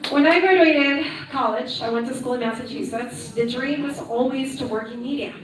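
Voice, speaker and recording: A woman's voice: high-pitched, normal speed, background noise. Upbeat woman speaking in an echoey hall. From Peru. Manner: chatty, upbeat, frequent "right?" asides. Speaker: conference speaker. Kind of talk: personal storytelling talk. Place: conference hall. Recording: echoey hall, mic from a distance.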